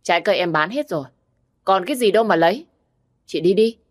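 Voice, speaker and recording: A woman voicing a fierce, sharp-tongued young village woman who scolds bluntly. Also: mid-range voice, animated, fast talker, lightly acted. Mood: scolding.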